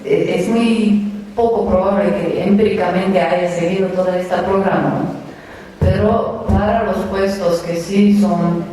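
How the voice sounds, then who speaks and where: A woman's voice: lowish voice, dark tone. A woman whose first language is Romanian, a conference interpreter speaking as guest at a university talk, explaining at length with restarts and tag questions. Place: university lecture hall. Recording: very echoey hall, distant, faint noise.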